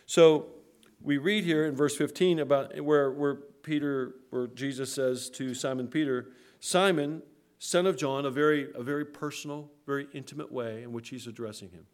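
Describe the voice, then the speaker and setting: A man delivers a sermon in a voice of ordinary middle pitch. He asks his listeners whether they follow him and stretches important words for weight. When the story turns grave, he sinks low and quiet. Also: steady tone, moderate pace. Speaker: preacher.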